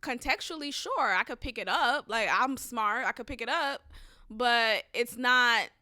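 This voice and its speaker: An American woman, young and hosting a podcast, tells a casual story with animated, emphatic delivery and plenty of swearing. Her voice is a little high, bright and forceful, and she takes an unhurried pace. The recording is dry and close.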